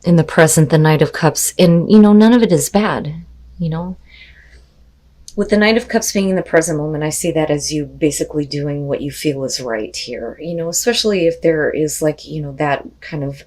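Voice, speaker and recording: This tarot reader sits low in pitch and sounds a bit mellow, her voice slightly rough from having lost it. Her reading is relaxed and talkative, packed with "like" and "you know."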